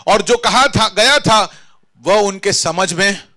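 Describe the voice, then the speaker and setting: A man's voice: high voice, slow pace, bright, forceful tone. A man preaching a sermon at a church service, fervent, calling out to the congregation and mixing in English phrases. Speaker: pastor.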